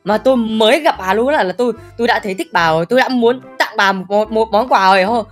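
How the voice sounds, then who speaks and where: Picture a shy ex-bully schoolboy who trips over every word, repeating himself as he works up his courage, as a man acts him out. The voice is pitched up high, with soft music underneath. It plays like a Minecraft role-play scene. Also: fast talker, exaggerated voice. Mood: bashful. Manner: stammering, repeating words nervously. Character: bashful teenage boy, reformed school bully.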